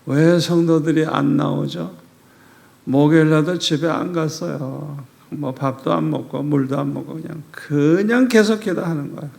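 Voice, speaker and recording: Gravelly older male pastor preaching. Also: on the high side, moderate pace, few pauses. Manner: animated storytelling, acting out prayers and quoted dialogue. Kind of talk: revival sermon.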